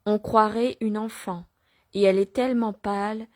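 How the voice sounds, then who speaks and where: A woman's voice: medium pitch, fairly even intonation, moderate pace, no room sound, studio quality, lightly acted. A woman voicing a humble male shepherd who earnestly offers a ewe.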